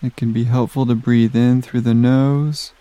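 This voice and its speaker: A man guiding a sleep meditation in a soft, soothing voice with long pauses, recorded close on the mic. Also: medium pitch, level tone. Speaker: meditation guide.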